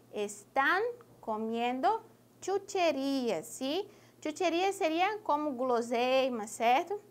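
A woman with a Brazilian Portuguese accent, a native Portuguese speaker, teaching a Spanish lesson slowly and checking understanding with a rising question. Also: high-pitched, fairly bright tone. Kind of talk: classroom lesson.

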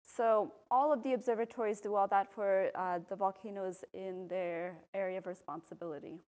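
In a university lecture room, a Belgian woman who studies volcanoes explains things to the public at a podium microphone, calm and often saying um. She has a mid-range voice and a moderate pace, and the footage was shot from a far-off camera.

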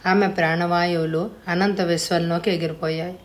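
A woman narrating an audiobook with low-pitched, expressive delivery. She leans into the emotion of the story as she reads. The storytelling tone stays steady and clear. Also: normal speed.

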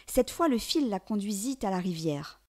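A woman reading a children's storybook aloud in a gentle, measured, expressive way. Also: medium pitch.

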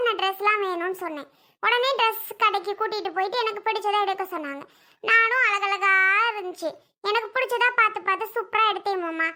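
A woman's voice: very high-pitched, bright, forceful tone. A woman voicing a little girl who tattles and pleads with her uncle in a family skit. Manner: whiny, pleading.

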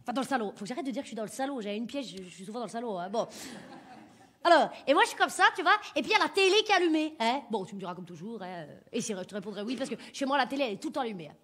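A woman comedian doing a character monologue takes on a coarse, bragging working-class mum, rambling with lots of fillers and swearing. She speaks on the high side at a racing pace, with lively intonation and a fairly bright tone. Her manner is brash, vulgar and full of filler.

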